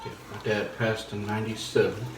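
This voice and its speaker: Low-voiced man chatting, echoey noisy room. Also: level tone, fairly quick, over music. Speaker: host's husband, co-answering questions. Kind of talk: casual chat. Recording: roomy echo, clear background noise.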